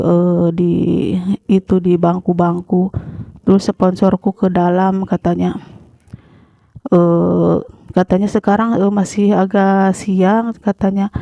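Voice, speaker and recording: An Indonesian woman telling her own story casually, halting with many fillers and frequent throat clearing. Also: mid-range voice, no room sound. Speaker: former migrant worker telling her story. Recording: dull lo-fi sound.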